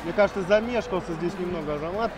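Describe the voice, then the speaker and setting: A man's voice: high voice, fast talker. A man co-commentating a live esports hockey match in a chatty back-and-forth style. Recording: noisy venue with crowd behind the voice. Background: crowd and venue noise.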